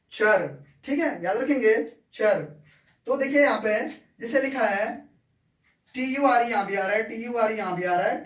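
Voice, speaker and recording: A woman teaching English phonics in a slow, repetitive way, checking understanding as she goes. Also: fairly high pitch. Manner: slow, repeats words and meanings, checks with "ठीक है". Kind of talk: phonics lesson in Hindi. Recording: echoey room, voice from far.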